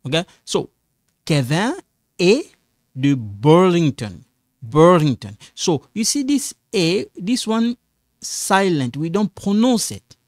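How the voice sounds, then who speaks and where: A man's voice: sits high, big pitch swings, no echo, studio quality. A middle-aged man teaching in a patient, repetitive way, speaking English as a with as his tongue. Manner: patient, repetitive, slow explanations, non-native English phrasing. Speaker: French teacher. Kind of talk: classroom-style language lesson.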